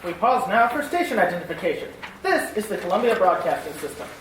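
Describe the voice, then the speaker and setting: Woman announcer, persuasive lilting delivery, lively pitch, distant roomy old broadcast, faint hiss. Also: fast talker. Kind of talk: 1940s radio commercial.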